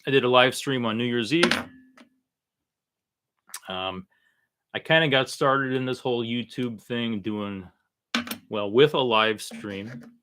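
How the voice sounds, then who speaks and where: A man hosting a casual, unscripted livestream, talking in a halting way that often trails off. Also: mid-range voice, background noise. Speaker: livestream host.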